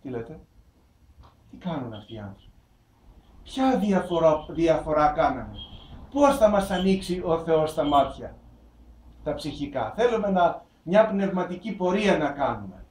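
Bishop preaching in a roomy hall. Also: male voice, fairly high pitch, sing-song, pauses often, darkish tone, distant mic. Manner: rhetorical questions, conversational preaching. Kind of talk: sermon.

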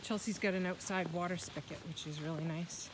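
A woman's voice: steady tone, a little fast. A middle-aged woman from Maine hosting a casual farm tour outdoors, chatting and explaining as she walks. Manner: chatty, coos at animals in a high voice. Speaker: farm vlog host. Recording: loud outdoor noise with clucking chickens.

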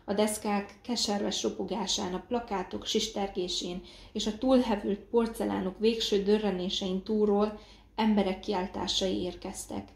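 Woman narrator, audiobook, measured dramatic reading, gravelly voice, roomy echo. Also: medium pitch, fairly even intonation. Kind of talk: scripted narration.

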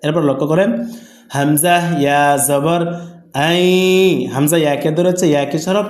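A man teaching Quran reading, spelling each letter and vowel mark syllable by syllable and explaining the rules in quick asides. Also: on the high side, fairly even intonation, reverberant, a little hiss or hum. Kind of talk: slow spelled-out recitation lesson.

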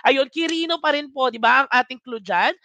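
A young adult exam reviewer from Pampanga runs a live online lecture in a bright, sharp voice. The delivery is chatty and animated, dotted with exclamations and quick tag questions. The sound is dry and close. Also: high-pitched, no echo. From Pampanga, Philippines.

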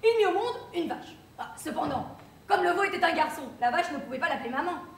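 A woman's voice: animated, fast. A woman playing an absurd fable-telling fire captain. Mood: amused. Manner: theatrical storytelling, chuckling through her tales. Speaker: amateur stage actor. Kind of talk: stage play performance. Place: theatre stage. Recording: echoey theatre, distant mic, faint rumble.

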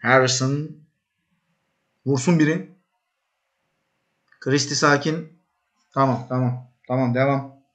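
A man playing a football management game, talking to his players as their coach, calming and scolding them and shouting when an attack builds. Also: slow pace, long pauses. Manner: bursts into high shouts at attacks. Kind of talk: live commentary while gaming.

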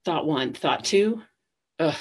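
A woman's voice: deep voice, measured pace, husky. A middle-aged woman hosting a live webinar, speaking conversationally and addressing listeners directly. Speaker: webinar host.

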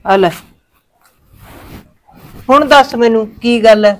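A woman's voice: fairly high pitch, slow. A woman acting a middle-aged village mother in a family drama, with a Punjabi accent and a nagging, anxious aunty manner. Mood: grumbling. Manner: Punjabi aunty way of talking, grumbling and fretting.

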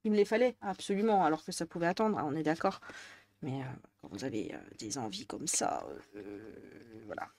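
A woman's voice: sits low, normal speed, darkish tone. A woman with a northern French accent, chatting casually in her craft vlog, rambling with many fillers and restarts. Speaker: crafting vlogger. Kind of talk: casual chat.

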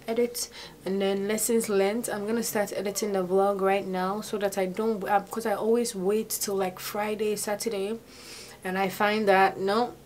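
A woman in her twenties vlogs from her kitchen at home, chatting casually, excitable and laughing often. She speaks at normal speed in a mid-range voice.

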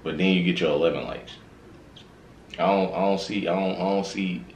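Sitting in a small, echoey room lined with records, a thirtysomething American reaction host chats in slang and keeps circling back to the same phrases. He has a deep, darkish voice with a steady tone and moderate pace, over slight background noise and faint music.

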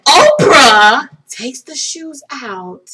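A woman vlogger telling a story in casual chat, excitable and tearful, laughing and choking up as she talks. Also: high voice, drawn-out words, very noisy. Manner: excitable, gushing, breaks into laughter and tears.

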